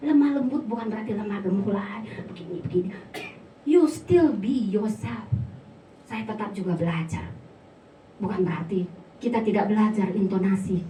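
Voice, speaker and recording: A woman pastor giving a sermon, animated and playful, acting out little voices for humor. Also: medium pitch, slight background noise. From North Sumatra, Indonesia. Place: church hall. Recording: echoey hall, voice from a distance.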